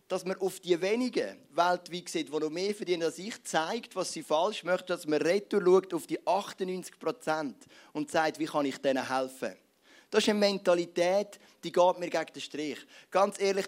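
A man preaching a sermon with a Swiss German accent, conversational and lively, telling stories and asking rhetorical questions. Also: high voice. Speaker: pastor.

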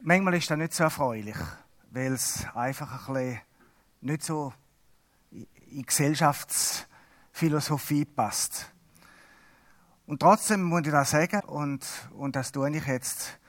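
Delivering a lay sermon in a chatty, halting way, the middle-aged Swiss preacher pokes fun at himself as he goes. Swiss German is his native language, and his voice runs a little high.

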